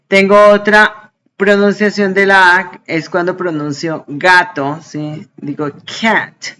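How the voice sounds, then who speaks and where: A woman English teacher explaining grammar in an online class, patient and explanatory, often checking in with quick questions. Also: on the low side, sharp tone.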